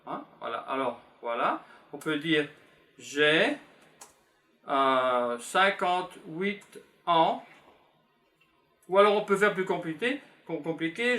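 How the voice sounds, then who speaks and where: He's a man in his fifties from Belgium, a French teacher leading a beginners' class. His voice is on the high side with a fairly bright tone, and he goes slowly, patiently repeating easy phrases as he writes.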